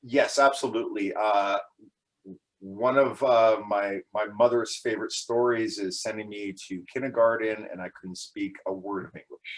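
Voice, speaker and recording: A Canadian man in his forties is a guest answering interview questions casually and hesitantly, full of fillers and restarts and often laughing. His voice is lowish with a steady tone and moderate pace, heard on a rough recording.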